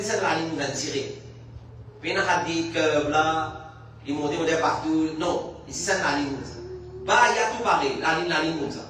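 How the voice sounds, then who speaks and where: Mauritian male religious teacher, high voice, repetitive letter-by-letter explaining, faint room noise. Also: fairly bright tone. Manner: repetitive, explains letter by letter, switches into Arabic recitation. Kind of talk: mosque class lecture. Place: mosque hall. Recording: echoey distant room recording.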